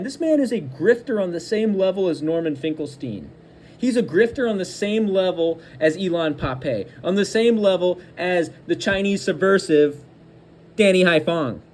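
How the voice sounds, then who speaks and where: Angry and spoiling for a fight, a man hosting a political commentary show hurls insults and pounds his arguments through repetition. His voice is high-pitched with a darkish tone.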